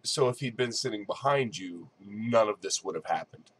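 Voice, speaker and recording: A man's voice: fairly low pitch, expressive, moderate pace. A man delivering a mocking, sardonic response commentary on another person's video.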